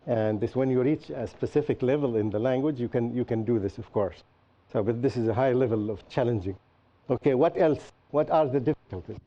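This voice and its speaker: A man teaches a class in a medium-pitched voice and often turns to his students with questions. He explains patiently and uses examples. The recording sounds dull and lo-fi. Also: brisk. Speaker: Qur'an teacher and show host.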